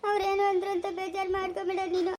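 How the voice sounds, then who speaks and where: A woman playing a soft-spoken village mother who consoles her daughter, in a rural Chikkaballapura Kannada accent. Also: very high voice, completely flat delivery, fast talker. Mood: consoling. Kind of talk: amateur family drama acting.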